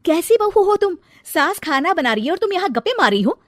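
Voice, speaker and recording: A woman's voice: extremely high pitch, big pitch swings, a little fast, no echo, clean studio sound, voice pushed up. A woman voicing a bossy middle-aged mother-in-law who scolds shrilly in a storybook tale. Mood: scolding.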